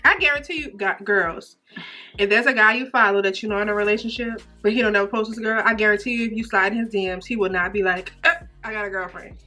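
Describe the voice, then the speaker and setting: A young woman in casual girl-talk, speaking in an animated, emphatic, slangy way. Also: medium pitch, quick pace, soft background music.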